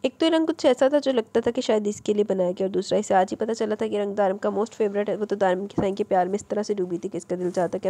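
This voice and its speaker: Gravelly, mellow woman narrating a novel. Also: medium pitch. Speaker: audiobook narrator. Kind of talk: scripted narration of a romance novel.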